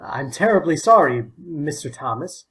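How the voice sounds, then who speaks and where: A man's voice: a little high, lively intonation, moderate pace, a bit bright, rough recording. A man voicing a polite but pushy young boy in an audiobook, urgent and overly courteous. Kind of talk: audiobook character voice.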